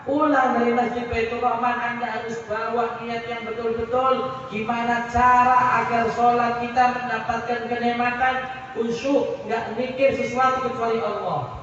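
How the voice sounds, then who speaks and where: A man with a Javanese accent preaching a lively sermon, telling stories and firing rhetorical questions at his audience. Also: very high-pitched, normal speed, a little hiss or hum. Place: large hall at a religious gathering. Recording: echoey hall recorded from far off, dull.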